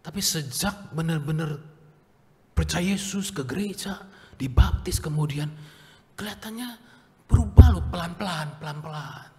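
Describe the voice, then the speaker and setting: A man, questioning the congregation and swinging between loud calls and soft asides. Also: on the high side, moderate pace. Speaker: pastor. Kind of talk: sermon. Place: church hall. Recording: long church reverb.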